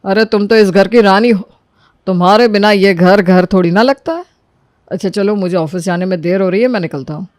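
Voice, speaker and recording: A man voicing an easygoing young husband in a cartoon story who gently placates his wife. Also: sits high, fairly quick, no room sound, clean studio sound, lightly acted. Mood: placating.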